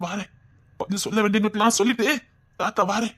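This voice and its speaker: A performer with a Tirunelveli accent playing a tender, doting old grandfather in a comedy skit, talking slowly and fondly. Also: medium pitch, level tone, a bit bright, dry recording, studio quality, lightly acted. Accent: Tirunelveli Tamil. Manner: slow, fond and pleading, breaking into sobs. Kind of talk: skit acting.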